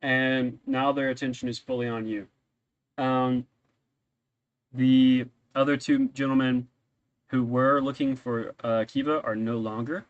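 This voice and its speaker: A man working as game master of a tabletop role-playing game, narrating casually in a halting, hesitant way. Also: mid-range voice, flat delivery, no room sound, highs cut off.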